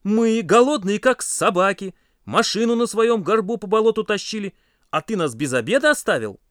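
A man's voice: on the high side, very animated, fast, a bit bright, no echo, studio quality, pitched above the performer's own voice. Man doing a chorus of fussing young campers. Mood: angry. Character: group of worried, then angry young campers.

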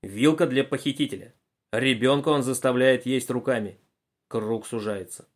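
A man voicing Kolobok, a bun-shaped male detective in a storybook, musing slowly over his deductions. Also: medium pitch, close to an everyday voice.

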